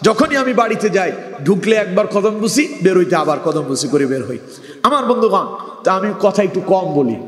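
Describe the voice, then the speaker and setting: A man's voice: high-pitched, animated, moderate pace. A man preaching a sermon to a crowd, switching between chanted scripture recitation and rousing calls for the audience to answer back. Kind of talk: Bengali waz sermon. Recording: echoey long-reverb hall.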